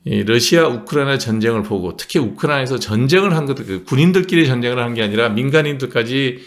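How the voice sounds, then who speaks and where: A man's voice: mid-range voice, expressive, fast. A man delivering a political commentary monologue, explaining points emphatically and punctuating them with short affirmations.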